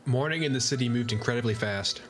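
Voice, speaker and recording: A man's voice: medium pitch, fast, a little hiss or hum. A man chatting casually while playing a visual novel and reading its narration aloud in an easygoing way. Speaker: streamer.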